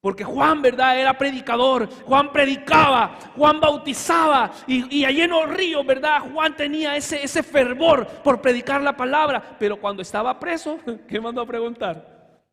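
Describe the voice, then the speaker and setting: A man preaching a sermon as pastor, fervent, with sudden shouts and slow emphatic lines. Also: very high voice, gravelly. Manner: addresses congregation as hermano, asks for amen. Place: church sanctuary. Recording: hall reverb in a church.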